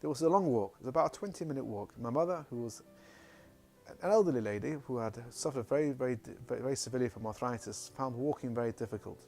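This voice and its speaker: A man recounting a family story in a halting way, often repeating words. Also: mid-range voice, darkish tone, soft background music. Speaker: speaker recounting family history. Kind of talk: spoken personal testimony.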